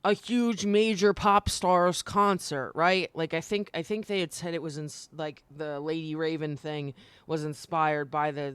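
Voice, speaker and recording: This woman's mid-range voice has a fairly bright tone, with no room sound. She chats casually on a livestream, informal and opinionated, using emphatic slang and swearing often.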